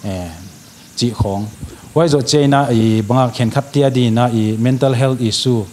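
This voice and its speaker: A man speaks slowly and deliberately at a middle pitch, in a calm counsellor's manner. He explains things with care and drops in English terms. Faint noise hums behind him. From Manipur, India. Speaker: addiction counsellor. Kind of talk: discussion panel talk.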